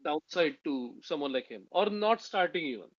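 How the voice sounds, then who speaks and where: A man with a fairly high voice, co-hosting a podcast and reasoning steadily through his points. His sound is very dry, with no room in it, and slightly muffled. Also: expressive, moderate pace, no room sound. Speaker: podcast co-host. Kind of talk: casual analytical chat.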